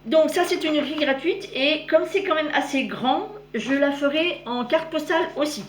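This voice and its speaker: High-voiced chatty woman in a roomy space. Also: normal speed, a little hiss or hum. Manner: chatty, meandering, often corrects herself; addresses viewers warmly as "girls". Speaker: cross-stitch vlogger. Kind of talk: casual show-and-tell vlog. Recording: roomy echo.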